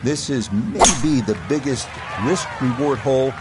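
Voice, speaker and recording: A man giving measured, descriptive play-by-play as a golf commentator on a tournament broadcast. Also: mid-range voice, heavy background noise. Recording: loud crowd and outdoor ambience behind.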